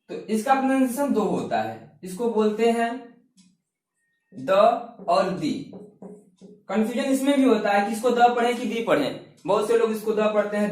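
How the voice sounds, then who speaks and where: A man's voice: high-pitched, a little mellow. A man teaching an English grammar lesson, repeating key words and asking and answering his own questions. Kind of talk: classroom lesson explaining articles. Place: classroom. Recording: very echoey room, voice from far off.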